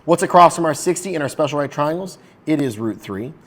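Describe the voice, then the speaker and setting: A man's voice: on the high side, animated, fairly quick. A man teaching a math lesson in a casual, upbeat way, talking straight to his viewers. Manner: upbeat, chatty, talks to viewers directly.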